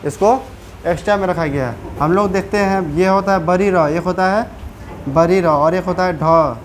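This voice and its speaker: A woman's voice: lowish voice, normal speed, a little hiss or hum. Woman teacher quizzing a class. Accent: Bihari Hindi. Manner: asks questions and checks understanding often. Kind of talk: classroom grammar lesson.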